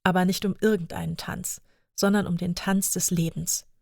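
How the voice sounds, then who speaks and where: A woman's voice: on the low side, fairly even intonation, moderate pace, creaky, a little mellow, no echo, clean studio sound. A woman voicing a playful, affectionate husband who speaks in a teasing, theatrical way.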